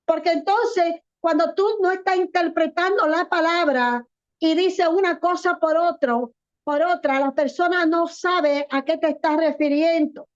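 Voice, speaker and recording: A woman pastor with a high-pitched voice preaches a sermon. She is earnest, asks rhetorical questions and slows down to stress key words. The recording sounds dull and lo-fi. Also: fairly even intonation.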